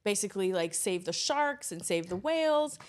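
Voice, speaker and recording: A woman's voice: mid-range voice, moderate pace. A young woman from Trinidad talks through her career as a guest on a podcast. She tells her story in a loose, chatty way, full of "like" and "you know", with a mid-range voice. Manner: chatty, animated storyteller with many fillers. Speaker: guest, geologist. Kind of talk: casual interview chat.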